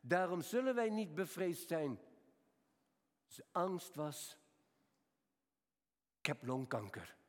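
A man's voice: a little high, very animated, slow pace, long pauses. Older male preacher in a reverberant hall. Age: 70s. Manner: storytelling, swings from quiet to raised emphatic. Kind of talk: sermon.

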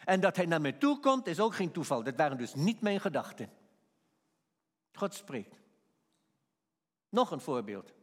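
A man preaching a sermon and telling a personal story, swinging from quiet asides to emphatic peaks. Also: a little high, a little slow, pauses often. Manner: animated, rising to emphatic peaks. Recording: long hall reverb.

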